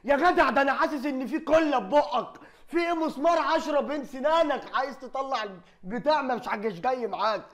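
High-voiced, fast, mocking man. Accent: Egyptian Arabic. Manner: loud, sarcastic, laughing while talking. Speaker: comedy commentator reacting to clips. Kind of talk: mocking comedic commentary.

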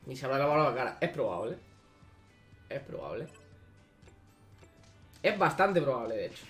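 A young man streaming a gacha game, swearing freely and pleading with the game, swinging from mutters to shouts. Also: mid-range voice, big pitch swings, normal speed. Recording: echoey room with background music.

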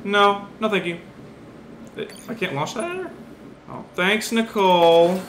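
A man doing let's play commentary on a horror game, excitable and jumpy, swearing often. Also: high-pitched, a little slow. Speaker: gaming video host. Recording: roomy with steady background noise.

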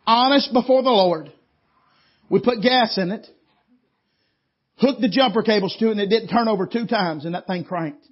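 A man's voice: sits high, normal speed, pauses often, slightly rough. A male preacher, telling a folksy story in a sermon. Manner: folksy, animated storytelling with laughs. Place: church meeting. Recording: dull lo-fi church audio.

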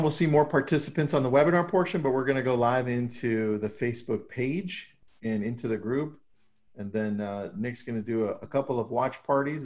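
A man co-hosting a casual online webinar, upbeat and joking with his guests. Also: medium pitch. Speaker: webinar co-host.

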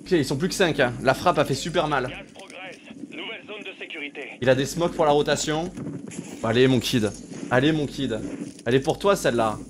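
A young man streamer commentating a tournament live, hyped and slangy, cheering and shouting at the big moments, heard through a gaming headset. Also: mid-range voice, moderate pace, pauses often, a crowd in the background.

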